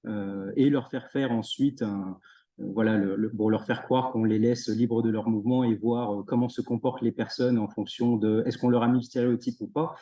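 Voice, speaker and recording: A young man answering jury questions at his thesis defense, pausing often with fillers and restarts. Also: mid-range voice, fairly even intonation, warm tone, rough recording. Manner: hesitant, many fillers and restarts. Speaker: PhD candidate defending thesis. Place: university room in a Zoom recording.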